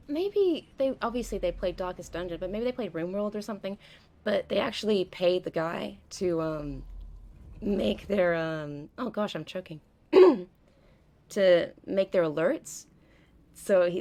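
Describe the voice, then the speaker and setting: The streamer has a fairly low, darkish voice, with a little background noise in the recording. She's a young woman playing a game and chatting casually, rambling and frequently interrupting herself mid-sentence.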